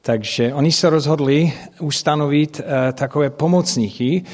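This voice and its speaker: A middle-aged man, a native English speaker speaking with an English-speaking accent, preaches through personal stories, haltingly searching for words and making grammatical slips. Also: on the high side, darkish tone. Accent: English-speaking accent in Czech. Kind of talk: sermon with personal storytelling. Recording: long hall reverb.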